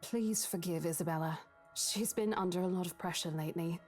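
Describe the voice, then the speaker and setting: A woman's voice: lowish voice, a little fast, a little mellow, soft background music, close to an everyday voice. An actress playing a polite, eager-to-please female real estate agent, apologetic and accommodating, in a visual novel.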